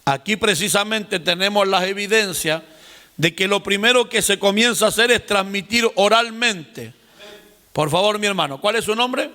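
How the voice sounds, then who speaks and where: A man's voice: high voice, normal speed, sharp tone, long reverb tail. A man teaching a seminar class, explaining patiently and speaking directly to his listeners. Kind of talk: classroom lecture.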